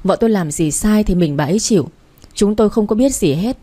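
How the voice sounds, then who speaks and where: A man's voice: sits high, lively intonation, dark tone. A woman narrating a story voices a frightened middle-aged father who begs hurriedly for mercy for his daughters. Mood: pleading. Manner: hurried, begging.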